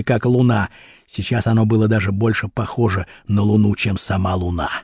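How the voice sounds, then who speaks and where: A man narrating a children's adventure story with expressive, vivid storytelling. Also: mid-range voice, husky, dry recording, studio quality. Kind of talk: audiobook reading of a children's adventure novel.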